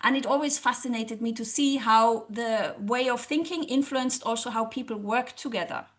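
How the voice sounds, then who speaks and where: At a moderate pace, this native German speaker from Germany answers interview questions as a guest, her high voice earnest and animated. A social psychologist and language coach, she often performs her former thoughts aloud.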